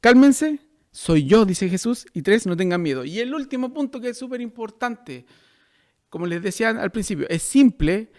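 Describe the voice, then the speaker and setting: A man's voice: high-pitched, animated, normal speed, a little mellow. A male pastor with a Chilean Spanish accent preaching a sermon, asking his listeners direct questions.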